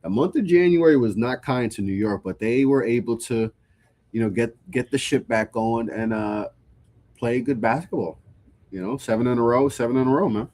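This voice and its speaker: In a mid-range, slightly mellow voice at normal speed, a podcast host in his thirties runs a casual live-stream sports talk show. A cold leaves him sounding stuffy, and his loose, conversational delivery includes frequent restarts.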